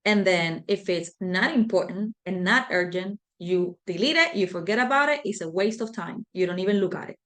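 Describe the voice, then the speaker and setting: A woman's voice: mid-range voice, normal speed, few pauses, a bit bright. Woman teaching a leadership class, chatty, lots of um and you know. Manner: conversational, filler-heavy, repeats herself. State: out of breath. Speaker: leadership trainer. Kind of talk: live online class.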